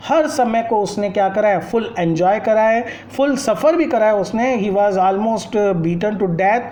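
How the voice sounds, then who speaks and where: A man's voice: high-pitched, slow, darkish tone. A man teaching a literature lesson, explaining poetic devices step by step and switching often between Hindi and English. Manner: explanatory, addresses listeners as friends; mixes Hindi with English, many fillers. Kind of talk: lecture on poetry.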